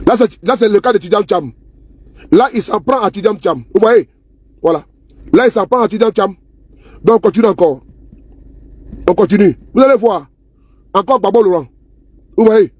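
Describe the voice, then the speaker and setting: A political vlogger speaks to camera on a phone or camera he holds himself, offering casual, scornful commentary. His voice sits high with a darkish, slightly rough tone and no echo. He repeats himself and keeps asking viewers whether they see.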